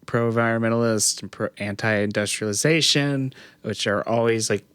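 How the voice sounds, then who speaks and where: A man with a fairly low voice chats casually as a podcast co-host. He rambles and restarts, thinking aloud. The sound is dry and close. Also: steady tone, normal speed, a bit bright, smooth, no echo. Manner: rambling, many fillers and restarts. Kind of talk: casual chat.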